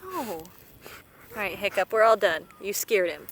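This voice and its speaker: Lively, animated woman filming in her backyard. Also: mid-range voice, moderate pace, background noise. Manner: animated, squealing and laughing, scolding the dog. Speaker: pet owner filming her dog. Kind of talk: casual home video chat. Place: backyard outdoors at night. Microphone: handheld phone.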